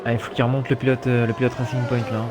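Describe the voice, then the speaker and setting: A man's voice: mid-range voice, flat delivery, racing, heavy background noise. A man giving live motorsport commentary as a race commentator, calling the action with casual asides. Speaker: esports sim racing commentator.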